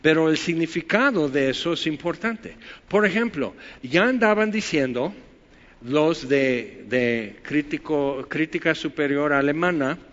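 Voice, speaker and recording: Mexican pastor, fairly high voice, sermon in a reverberant church, slightly muffled audio. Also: male voice, lively intonation, unhurried, fairly bright tone. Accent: Mexican Spanish. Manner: conversational, rhetorical questions, wry asides. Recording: muffled with long hall reverb.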